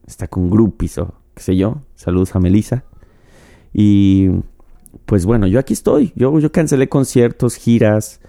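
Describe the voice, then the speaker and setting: Sipping mezcal as he goes, a Mexican-accented podcast host delivers a casual monologue on his own, rambling and cracking jokes laced with profanity. His voice is low, gravelly and mellow, with lively intonation and an unhurried pace.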